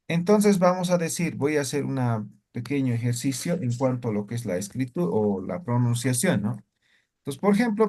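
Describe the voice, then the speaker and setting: A man's voice: mid-range voice, a little mellow. A man teaching a spoken language lesson, explaining patiently, repeating words and checking with "¿no?" after most phrases.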